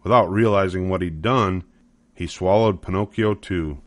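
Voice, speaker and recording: With scripted storybook phrasing, an older man reads aloud a children's story, serving as its narrator. His fairly low voice moves at a moderate pace and is captured close-up in a dry recording.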